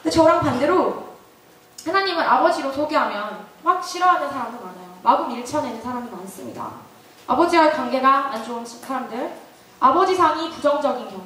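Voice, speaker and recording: A woman giving a testimony sermon at a church retreat, telling an animated story and putting questions to the audience. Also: high-pitched. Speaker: retreat speaker. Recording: echoey hall, distant mic.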